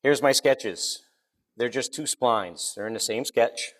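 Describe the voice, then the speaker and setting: A man with a Boston accent giving a relaxed, joking, step-by-step software demo at a conference session. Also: medium pitch, a little slow. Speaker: presenter. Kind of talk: live technical demo.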